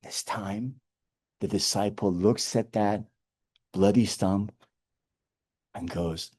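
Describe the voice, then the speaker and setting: A man giving a lecture, telling Zen koans with animated storytelling and frequent chuckles. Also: on the low side, slow pace, husky.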